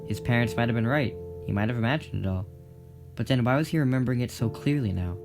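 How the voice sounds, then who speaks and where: Plucked guitar music plays prominently behind a man narrating a scripted audio-drama story in a mid-range voice at a quick pace.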